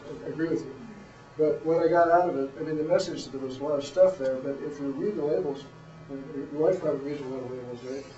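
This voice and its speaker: A middle-aged man gives informal, blunt feedback as a presentation judge, plain-spoken and halting. His voice is mellow and unforced, picked up from a distance in a reverberant room. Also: a little high. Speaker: judge critiquing a student presentation. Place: room, far from the microphone. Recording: roomy, dull, distant microphone.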